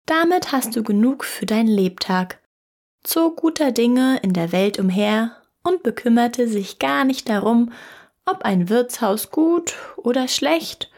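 A woman reading a fairy tale aloud in calm, measured storytelling. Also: a little high. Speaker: narrator.

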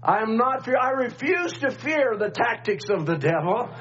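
A middle-aged pastor preaching a sermon at a pulpit microphone, repeating refrains and calling for amens. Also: male voice, very high voice, big pitch swings, normal speed, a bit bright. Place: church sanctuary, at a pulpit microphone. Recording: dull church recording with faint hum.

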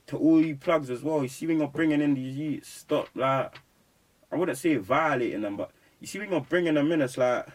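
A young man with a London roadman accent, talking emphatically and preachily in heavy street slang in a casual interview. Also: mid-range voice. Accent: London roadman, urban slang. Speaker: rapper being interviewed. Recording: slightly distant microphone.

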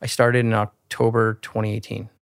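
A man in his thirties speaks in a low, smooth and resonant voice, recorded close and dry. He talks earnestly and reflectively on a casual podcast, padding his thoughts with fillers. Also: little pitch movement, moderate pace, no echo. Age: 30s. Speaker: guest realtor.

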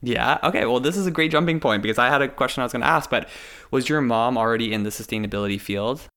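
This podcast host talks fast in a medium-pitched, fairly bright voice, rambling eagerly and laughing readily as he introduces his guest and asks questions in an enthusiastic interview.

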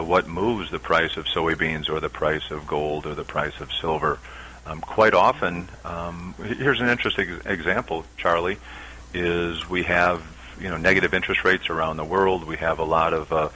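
Very deep-voiced, bright-toned middle-aged man. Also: slight background noise, rough recording. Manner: explanatory, steady, frequent "uh" pauses. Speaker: guest, commodity options trader. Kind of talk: radio interview.

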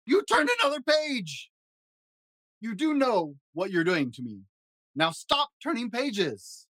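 Man putting on a high, jumpy furry storybook monster, fretful and pleading, swings all over, dry close sound. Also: very animated, a little slow, fairly bright tone, dry recording, heavily acted. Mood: dismayed. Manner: fretful, begging, dramatic exclamations. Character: lovable furry blue male monster, nervous and pleading. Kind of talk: storybook reading.

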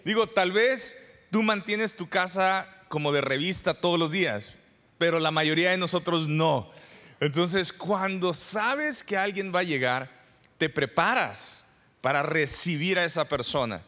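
Brief: male pastor from El Salvador, forties, slightly high voice, easygoing sermon delivery, church reverb. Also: measured pace, bright, forceful tone. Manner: conversational preaching with rhetorical questions and repetitions. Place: church sanctuary.

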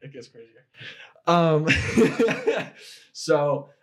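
This young podcast guest has a fairly high voice with lively intonation, and he draws out his words. Chatting casually, he wanders through a personal story, restarting often and dropping "like" throughout.

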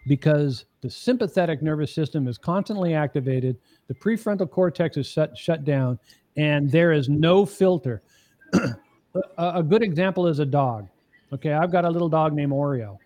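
In a podcast interview, a middle-aged marriage coach speaks at normal speed in a slightly high voice with a darkish tone. His explanations go step by step, earnest and emphatic, and he often asks the listener "okay?"

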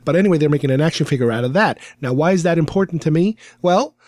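A man's voice: on the high side, animated, quick pace, a little mellow. A man hosting a podcast with casual, rambling hobbyist commentary. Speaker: podcast host.

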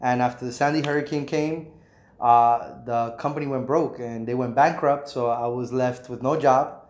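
A man's voice: medium pitch, fairly even intonation, moderate pace, a little mellow. A man in his thirties speaks earnestly and frankly, repeating himself and leaning on "you know". His voice bounces around an empty, echoey apartment. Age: 30s. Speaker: realtor and property investor, guest. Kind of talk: casual interview. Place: vacant apartment unit indoors.

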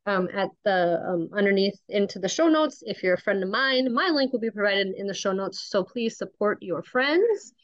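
A woman's voice: mid-range voice, expressive, moderate pace, few pauses. North Dakota-accented woman hosting, slightly dull audio. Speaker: podcast host. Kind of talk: casual podcast interview.

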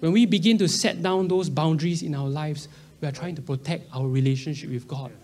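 Here an early-thirties man with a Singaporean accent preaches in a chatty style, using colloquial Singlish rich with local slang and particles. He talks briskly in a fairly high, darkish voice that stays steady.

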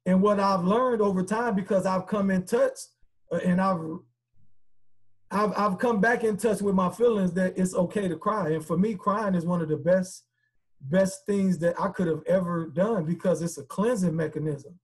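A man's voice: high-pitched, moderate pace, husky. A man guest speaker on a podcast, talking earnestly and casually with many fillers and repeats. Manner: earnest, repetitive, conversational with filler words.

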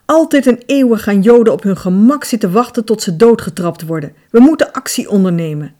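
A woman's voice: medium pitch, normal speed, warm tone, natural voice. A woman reading an audiobook voices an urgent, angry young man, the eldest son, with a raised, insistent voice.

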